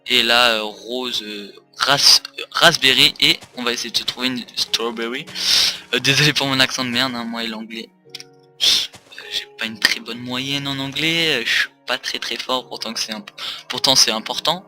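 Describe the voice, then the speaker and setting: Bright-voiced tired young man gaming. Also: medium pitch, fairly even intonation, moderate pace, soft background music. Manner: rambling, many hesitations. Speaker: let's play host. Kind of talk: casual gaming commentary. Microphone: desk mic with facecam.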